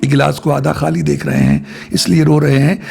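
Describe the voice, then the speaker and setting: A man's voice: fairly high pitch, very animated, fairly quick, creaky, a little mellow, breathy edge, soft background music. A man giving a reflective spiritual talk to his viewers, repeating phrases in long lists. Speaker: spiritual speaker.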